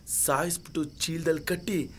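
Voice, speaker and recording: An actor playing a scheming lover who quietly talks his partner into a plot, with a Kannada accent. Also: fairly high pitch, fairly even intonation, normal speed, breathy edge. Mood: persuasive. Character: scheming young lover, low-voiced plotter.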